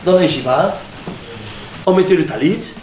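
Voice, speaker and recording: A man, a rabbi, teaching a lively lesson and quizzing his audience. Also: high voice, normal speed, slight background noise. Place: lecture hall with audience. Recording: echoey hall with audience.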